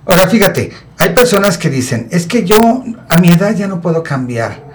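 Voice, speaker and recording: A man's voice: sits high, very animated, moderate pace. A man in his sixties with a Mexican accent, hosting a talk show and giving emphatic, preachy lifestyle advice. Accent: Mexican Spanish. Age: 60s. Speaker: radio show host. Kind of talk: casual advice chat.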